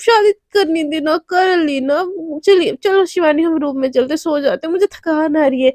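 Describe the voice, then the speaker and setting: A woman's voice: high-pitched, normal speed, a little mellow, no echo, clean studio sound, lightly acted. A young woman voicing a cheeky, joking bride who whines and teases her mother. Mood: teasing, whiny. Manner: playful, whiny, teasing.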